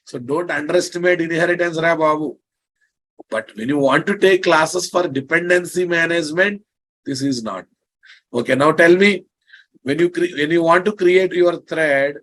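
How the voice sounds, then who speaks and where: Fairly high and somewhat bright, this man's voice moves at a normal speed and carries an Indian accent. He's an online programming instructor giving a lecture, teasing bluntly, repeating his phrases, and asking questions to check that people understand.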